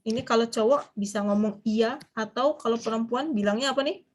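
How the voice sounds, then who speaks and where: A young woman with a slightly high voice leads an online language class. She talks in a chatty, animated way and often stops to quiz the students. She slips quoted foreign phrases into her casual explanations. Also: fairly quick. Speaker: Japanese language lecturer.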